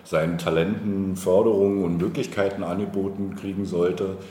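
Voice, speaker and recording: In a conversational interview, a man playing a local politician explains things through long, winding, hesitant sentences. His voice is low and warm, delivered flatly at a moderate pace. The room echoes, with faint noise in the background.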